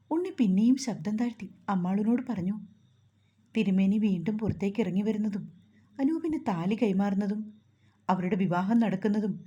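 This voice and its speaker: A woman narrates a dramatic family story in a steady, deliberate manner. Her voice is husky and deeply mellow. The recording sounds somewhat dull and muffled.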